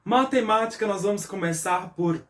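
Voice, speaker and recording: Patient Brazilian teacher in an echoey room. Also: male voice, high voice, normal speed, fairly bright tone, soft background music. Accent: Brazilian Portuguese. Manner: patient, explains step by step with frequent "tá?" check-ins and spelled-out syllables. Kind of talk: recorded review lesson for schoolchildren. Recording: roomy echo, voice a bit far from the mic.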